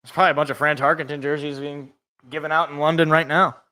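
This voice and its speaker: A fast-talking man in his twenties, a sports podcast co-host, gives live play-by-play and game reaction on a football stream while making jokes about himself with viewers. His slightly high voice has little pitch movement and a bright, forceful tone.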